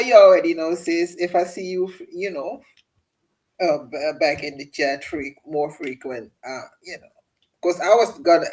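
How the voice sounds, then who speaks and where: A man hosting a casual livestream, rambling through relaxed shout-outs to his viewers and laughing often. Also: fairly high pitch, low-quality recording. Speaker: livestream host.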